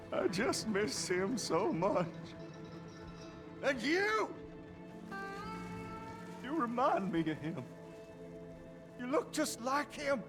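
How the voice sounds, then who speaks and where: A man playing a deranged, grieving backwoods father with a Southern American accent in a video game. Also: sits high.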